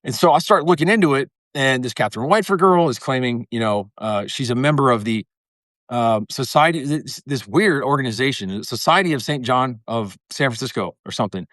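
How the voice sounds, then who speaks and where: A man's voice: mid-range voice, animated, fairly quick, fairly bright tone, no echo, studio quality. A man talking as a guest in a casual interview, rambling and restarting his sentences, swearing now and then.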